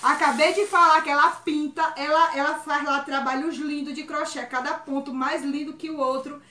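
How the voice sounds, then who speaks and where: A woman's voice: high-pitched, fairly even intonation, moderate pace, pushed and bright, echoey room. A woman from Ceará with a Northeastern Brazilian accent, chatting effusively and exclaiming often as she unboxes on her vlog. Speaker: vlogger.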